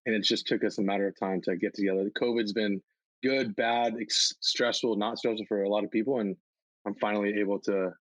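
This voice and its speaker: Earnest lower-voiced male interview guest. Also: fairly even intonation, a little fast, no echo, rough recording. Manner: earnest, repeats words, a bit rambling. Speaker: podcast guest, media buyer. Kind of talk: casual interview talk.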